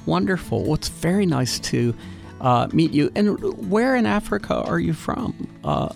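A man hosting a radio interview, asking friendly questions with many "uh" pauses. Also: a little high, sing-song, gravelly, faint music behind. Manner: friendly questioning, frequent "uh" fillers. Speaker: radio host interviewing young guests.

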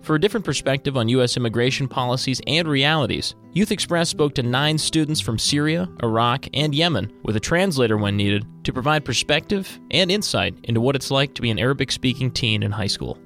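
Male narrator for a news piece, measured and steady, mid pitch, faint guitar underneath.

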